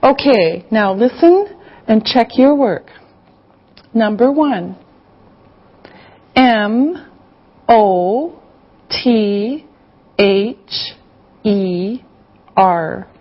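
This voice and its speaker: In a slightly dull lo-fi recording, a woman plays an encouraging English teacher, carefully enunciating classroom instructions and dictation in a scripted lesson. Her mid-range voice has lively intonation, with drawn-out words and long pauses, and she sounds patient and instructive.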